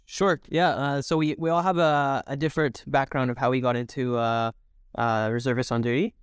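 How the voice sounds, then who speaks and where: A man's voice: mid-range voice, flat delivery, moderate pace, clean tone, no echo, studio quality. A young man raised in Toronto answering interview questions earnestly, with many fillers. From Mexico, raised in Toronto. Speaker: guest, army reservist.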